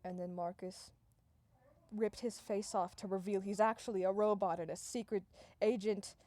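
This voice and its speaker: Deadpan woman rambling through a story. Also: mid-range voice, normal speed, dry recording. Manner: deadpan, run-on "and then" narration, dropping to hushed tones. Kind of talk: rambling improvised comic storytelling.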